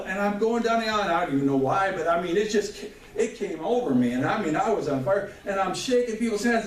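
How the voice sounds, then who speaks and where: Man, slightly high voice, fervent church testimony, miked from afar in a roomy hall. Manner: fervent storytelling with restarts and chuckles. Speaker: church member giving testimony. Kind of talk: spoken testimony before a congregation. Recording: echoey room mic from far off, faint noise.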